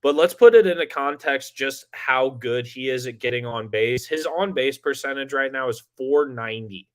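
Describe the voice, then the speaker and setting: Excitable young man, casual podcast talk. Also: mid-range voice, normal speed. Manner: casual, excitable, lots of likes and yo. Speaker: co-host. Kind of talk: fantasy baseball podcast chat.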